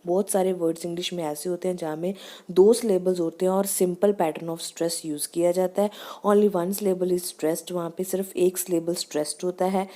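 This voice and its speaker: A woman teacher giving a pronunciation lesson, reading English lines and explaining them in Hindi, drawing out each example word slowly to show the stress. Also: lowish voice, fairly even intonation, dark tone.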